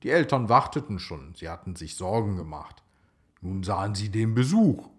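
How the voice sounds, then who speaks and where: A man narrating a children's story in a slow, expressive way. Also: fairly low pitch.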